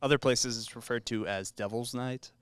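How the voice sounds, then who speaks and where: A man's voice: medium pitch, fairly even intonation, moderate pace, smooth, dry recording. A man hosting a podcast who asks curious questions and leads the topic in casual chat. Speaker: podcast host.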